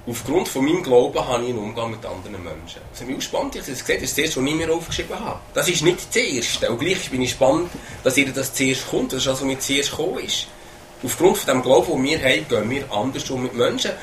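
A man's voice: medium pitch, expressive, fast, a bit bright, a little hiss or hum. A man with a Swiss German accent preaching a sermon in an earnest way, often repeating words and asking "oder?".

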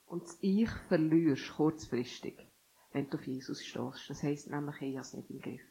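A woman's voice: low voice, moderate pace, creaky, dark tone, slight background noise, rough recording. A woman preaching a sermon who reads scripture and urges listeners, with sudden emphatic bursts.

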